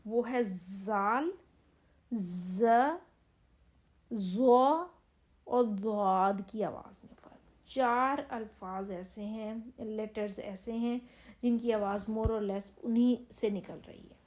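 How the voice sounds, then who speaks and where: A woman teacher with a Pakistani Urdu accent, explaining letter sounds patiently in short phrases and stretching out slow model words. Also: mid-range voice, fairly even intonation. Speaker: Quran reading teacher. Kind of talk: step-by-step pronunciation lesson.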